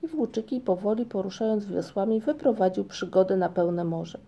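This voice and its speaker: A woman narrating a children's storybook in a calm, measured, gentle manner. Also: mid-range voice, gravelly. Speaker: audiobook narrator.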